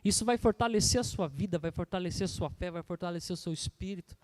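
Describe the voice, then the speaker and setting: A Brazilian man in his thirties, a pastor preaching a sermon, swinging between loud bursts and hushed asides. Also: high-pitched, fast. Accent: Brazilian Portuguese.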